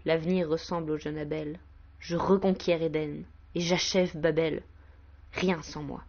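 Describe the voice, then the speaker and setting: A woman's voice: low voice, fairly even intonation, unhurried, a little mellow, highs cut off. A woman reading a poem aloud in a solemn, declamatory way, giving voice to Man personified as a proud, boastful male spirit. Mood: proud, exalted. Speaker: poetry reader. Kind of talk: poetry recitation.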